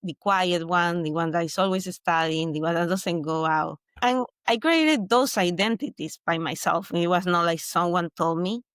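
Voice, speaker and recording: A woman's voice: on the low side, moderate pace, hardly any pauses, a bit bright, smooth, dry recording. Venezuelan woman guest, earnest and reflective. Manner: earnest, reflective, with frequent restarts. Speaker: mindset coach guest. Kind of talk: interview conversation.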